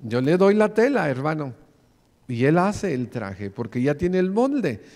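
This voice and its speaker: A man's voice: on the high side, sing-song, a little slow, darkish tone. A man in his forties preaching a sermon in a church, often calling the listeners brother. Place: church sanctuary, in front of the pulpit. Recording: long church reverb.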